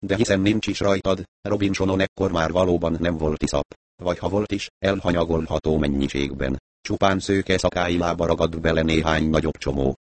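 A man reading a story aloud as an audiobook narrator, in a steady, even storytelling delivery. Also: low voice, dry recording. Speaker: audiobook reader. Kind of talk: scripted narration.

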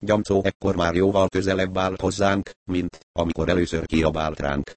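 A man reading a novel aloud as an audiobook narrator, with a calm, even storytelling manner. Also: sits low, no room sound. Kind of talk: scripted narration.

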